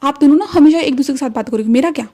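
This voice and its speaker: A cheerful, sweet little girl in a read-aloud fan story, as a woman narrator puts her on. Her voice sits fairly high and soft, with a mellow tone. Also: very fast.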